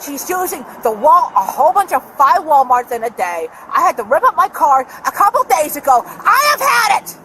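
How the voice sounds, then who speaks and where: A woman living in her car argues with a deputy in a parking lot, agitated and rambling, shouting at times, recorded on a body camera. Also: high voice, very animated, fairly quick, few pauses. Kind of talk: heated street argument. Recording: noisy outdoor bodycam audio.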